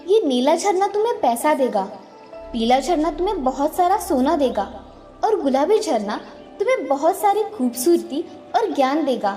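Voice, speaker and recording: A kind forest fairy queen from a cartoon storybook, as a woman puts her on. She speaks softly and reassuringly in a high voice, over faint music. Her manner stays motherly throughout. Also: very animated, moderate pace, recorded from a distance. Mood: gentle. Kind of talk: animated storybook voice acting.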